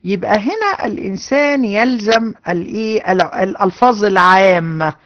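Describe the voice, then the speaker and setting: A woman's voice: mid-range voice, animated, moderate pace, a bit bright, muffled recording. A woman with an Egyptian accent teaching a religious lesson to a class of women, earnest and given to repeating her points. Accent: Egyptian Arabic. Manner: earnest, repetitive, addresses class directly. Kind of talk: hadith lesson to women students.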